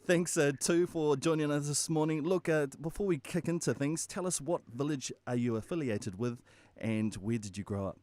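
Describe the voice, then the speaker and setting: A man hosting a radio interview, introducing his guest and asking brisk, friendly questions. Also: on the high side, darkish tone, no echo. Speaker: radio host.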